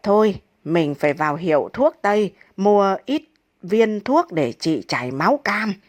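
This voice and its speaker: A woman's voice: medium pitch, sing-song, a little slow. A woman voicing a flustered young man who mutters to himself. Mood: grumbling.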